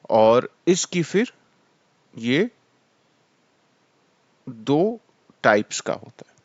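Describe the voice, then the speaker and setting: A man teaching Arabic grammar in a lecture, explaining terms slowly and mixing in English words. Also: mid-range voice, big pitch swings, no room sound, lo-fi sound. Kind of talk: classroom lecture.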